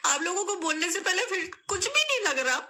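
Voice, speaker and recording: A woman's voice: extremely high pitch, big pitch swings, fairly quick, pushed and bright. A young woman vlogger speaking straight to her viewers, tearful and pleading, repeating her phrases as her voice breaks. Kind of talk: emotional vlog statement to camera.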